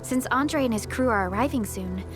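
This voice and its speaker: An actress playing a calm, focused young woman supervisor in a game, speaking in a measured, businesslike way. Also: on the high side, lightly acted. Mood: serious. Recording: game audio with music.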